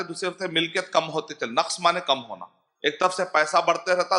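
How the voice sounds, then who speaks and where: A man in his forties from Hyderabad, India, with a Hyderabadi Urdu accent, giving a religious lecture as an Islamic scholar, slowly spelling out Arabic terms and mixing in English words. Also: on the high side, pushed and bright. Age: 40s.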